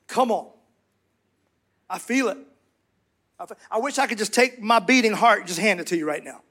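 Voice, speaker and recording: A man with a fairly high voice preaches to a church congregation. He rallies the room with fervent calls, then drops to slow, soft, emphatic words. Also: animated. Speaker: pastor. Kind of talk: sermon.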